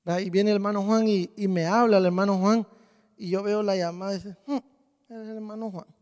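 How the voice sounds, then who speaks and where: A man's voice: sits high, little pitch movement, a little fast, darkish tone, clean tone. A man giving a conversational church sermon in a folksy way, repeating phrases and often checking in with his listeners. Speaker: church leader. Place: church hall. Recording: live church hall with long reverb.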